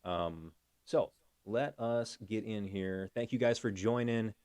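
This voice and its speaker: Man, livestream host, fairly low voice, dry room sound, casual, chatty, thanks his viewers. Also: slow, a little mellow, clean tone, dry recording. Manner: chatty, thanks viewers by name, talks through fixing his audio.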